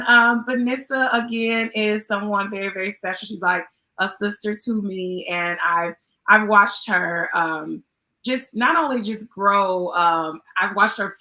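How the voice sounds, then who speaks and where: A woman hosts a panel talk and introduces her next guest with open affection. Her voice is bright and forward, and her manner is heartfelt. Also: mid-range voice. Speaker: host.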